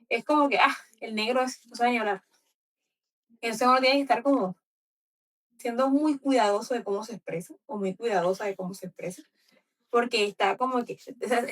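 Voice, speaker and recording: A woman's voice: fairly high pitch, recorded from a distance, rough recording. A woman from the Colombian Caribbean coast with a coastal accent, hosting a book club discussion in a passionate, argumentative way. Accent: Colombian coastal Spanish. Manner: passionate, argumentative, many fillers.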